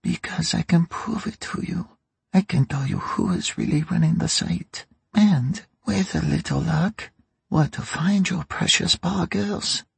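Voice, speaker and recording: A dry, raspy old crime matriarch, as a male reader puts her on, sly and mocking as she bargains. Her voice is husky and gravelly, raised well above the reader's own, and slow and drawn out. It is recorded close and dry. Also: fairly high pitch, lively intonation, dry recording, pitched above the performer's own voice, full character voice. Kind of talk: audiobook character reading.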